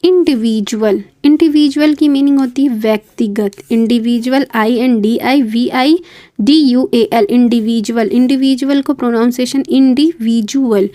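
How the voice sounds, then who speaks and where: In a vocabulary lesson, a woman whose voice sits on the high side but has a dark tone spells English words out letter by letter. She repeats every meaning and adds short fillers and checks between words.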